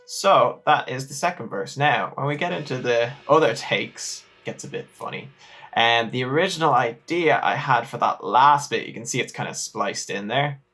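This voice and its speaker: Chatty Irish man, bright-toned. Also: mid-range voice, normal speed, soft background music. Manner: relaxed, chatty, lots of ums and likes. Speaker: musician. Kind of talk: casual music breakdown talk.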